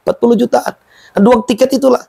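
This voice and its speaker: A man's voice: extremely high pitch, fairly even intonation, fast, vocal fry, warm tone, breathy edge, no room sound, clean studio sound. A middle-aged man founding a Quran museum and boarding school, telling his story in an emphatic, emotional way during an interview.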